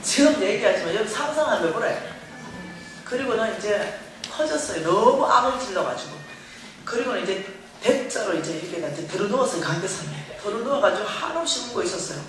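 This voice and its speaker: A middle-aged woman speaking at a revival meeting, telling her story in an animated way and acting out the voices in it. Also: mid-range voice, a little fast, noisy background. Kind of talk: testimony sermon. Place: large church hall. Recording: echoey hall recording from far off.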